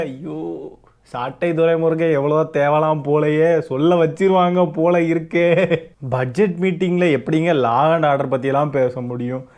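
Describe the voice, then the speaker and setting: A man's voice: on the high side, darkish tone. A man hosting his own channel, giving opinionated political commentary full of rhetorical questions and mockery. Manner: mocking, argumentative, rhetorical questions.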